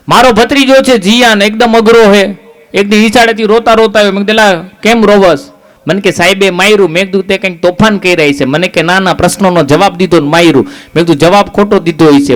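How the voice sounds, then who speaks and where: A man's voice: high voice, a little fast, a bit bright, a faint crowd. A man telling jokes on stage in a live stand-up comedy show, acting out little stories with quoted dialogue.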